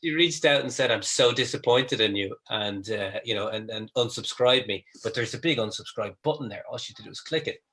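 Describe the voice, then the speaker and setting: Male comedian, animated storyteller, bright tone, mimics others, casual livestream chat. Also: fairly low pitch, brisk, few pauses.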